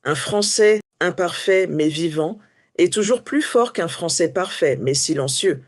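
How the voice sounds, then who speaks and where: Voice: medium pitch, lively intonation, unhurried, dry recording, clean studio sound. A French teacher delivering a scripted motivational lesson, coaching the listener with many rhetorical questions.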